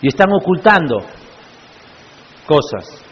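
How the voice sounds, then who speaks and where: A man's voice: a little high, sing-song, slow pace, breathy edge. A male pastor preaching a sermon in church, often putting rhetorical questions to the congregation. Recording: echoey church hall, muffled lo-fi sound.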